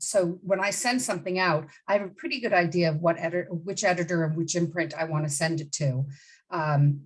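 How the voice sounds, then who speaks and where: A Bahamian woman in her fifties, a literary agent, answers interview questions directly and emphatically, with many asides and restarts. Her voice is fairly low, and the recording is rough.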